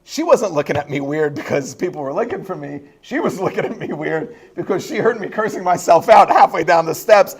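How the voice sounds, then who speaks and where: A rabbi telling a self-deprecating funny story to a school audience, animated and laughing as he goes. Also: on the high side, brisk, few pauses, husky. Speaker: rabbi giving a talk at a high school. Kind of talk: humorous personal storytelling.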